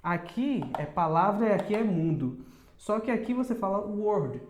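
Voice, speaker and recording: A Brazilian man giving a casual pronunciation lesson as a teacher, checking in with quick tag questions and slowly repeating words as models. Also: sits high, lively intonation. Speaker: English teacher. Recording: echoey room.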